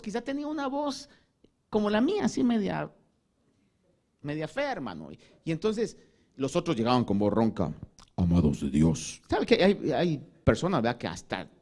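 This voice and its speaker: A man preaching a sermon as pastor. He often addresses his listeners as "hermano" and slows down to stress key words. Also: fairly high pitch, darkish tone.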